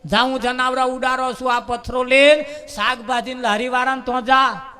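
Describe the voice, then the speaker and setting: A preacher voicing a stern, wise old guru in a spoken folk parable. He gives commanding instructions in a high, bright voice. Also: flat delivery, moderate pace. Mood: instructing.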